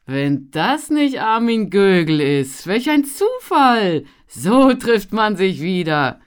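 A narrator voicing a jovial, stocky peddler in his thirties, calling out loudly and cheerfully in an audiobook. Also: big pitch swings, normal speed, natural voice. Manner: loud, cheerful, booming calls. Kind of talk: audiobook character voice.

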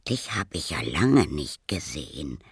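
A man voicing a nosy, strange old woman neighbour who speaks slowly. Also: very deep voice, big pitch swings, husky, dry recording, clean studio sound, pitched below the performer's own voice, exaggerated voice. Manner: slow, drawn-out speech.

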